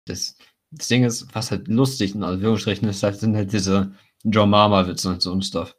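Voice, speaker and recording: Young man with a smoker's rasp. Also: fairly low pitch, steady tone, normal speed. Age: teenager or young adult. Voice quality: raspy, like a smoker's voice. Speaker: podcast co-host. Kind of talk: casual podcast banter.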